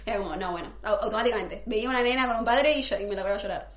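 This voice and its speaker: A young woman with an Argentine accent, co-hosting a casual podcast chat, quick and chatty. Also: mid-range voice, reverberant. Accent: Argentine Spanish. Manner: quick, chatty, laughs often. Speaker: podcast co-host.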